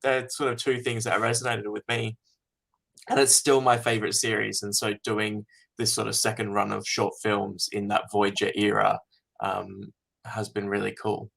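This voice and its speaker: A man's voice: fairly low pitch, level tone, moderate pace, gravelly, fairly bright tone. A man, a fan filmmaker being interviewed, talking casually and thoughtfully with many ums.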